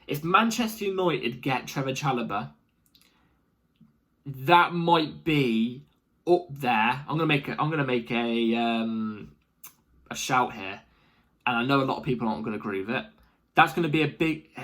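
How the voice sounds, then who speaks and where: Hosting a football fan channel, a man delivers casual, animated opinion commentary, rambling and repeating himself for emphasis. His voice is medium in pitch.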